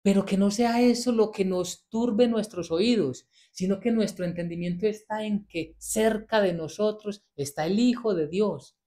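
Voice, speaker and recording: Preaching earnestly on a Bible passage, this man has a high-pitched, mellow voice. His delivery is emphatic, slowing on key words and returning again and again to pleading prayers.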